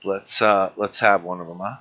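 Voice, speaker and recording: A deep, steady, bright, forceful voice at normal speed belongs to a man game-mastering a tabletop session. Laughing frequently, he ribs the players and insists on exact wording for their questions. The stream audio is dull and lo-fi, with faint background music.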